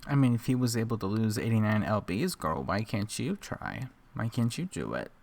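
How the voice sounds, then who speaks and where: A man's voice: lowish voice, very animated, moderate pace, gravelly, very noisy. A man giving casual reaction commentary, sarcastic and teasing, often laughing at what he watches.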